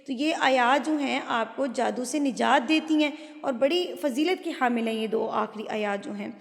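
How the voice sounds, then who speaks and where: A woman's voice: on the high side, gravelly, in a large hall. A woman teaching Quran recitation. She explains pronunciation patiently, step by step, and mixes English words into her talk. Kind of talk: tajweed lesson, explaining pronunciation.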